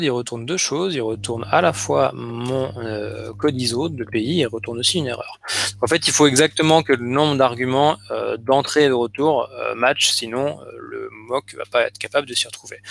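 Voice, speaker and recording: A man's voice: medium pitch, normal speed, creaky, fairly bright tone, dry recording. A man from France giving a live coding talk, hesitant, with many restarts and fillers. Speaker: conference speaker.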